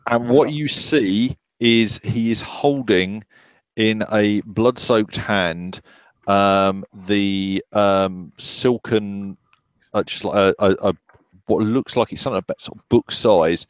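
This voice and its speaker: A man running a tabletop horror game as game master, narrating haltingly with many ums and restarts. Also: fairly low pitch, clean tone, dry recording.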